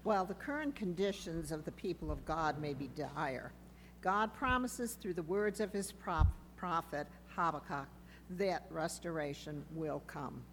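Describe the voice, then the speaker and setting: A woman reading scripture at a church service, speaking into a pulpit microphone in a measured, formal way. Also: low voice, expressive. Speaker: lay reader. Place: church sanctuary. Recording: reverberant church with faint hum.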